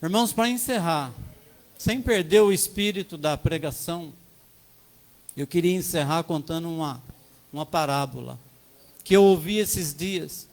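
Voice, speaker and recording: A man's voice: on the high side, expressive, measured pace, pauses often, a little mellow, poor audio. A man with a Brazilian Portuguese accent preaching a sermon at a church service, telling a story and speaking to the congregation as brothers.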